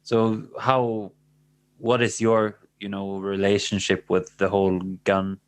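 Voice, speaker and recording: A Norwegian man in his late twenties, a guest in a casual chat, speaking haltingly with many pauses and fillers. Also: lowish voice, little pitch movement, clear, resonant tone, dry recording. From Norway. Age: 20s. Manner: hesitant, halting with many uhs.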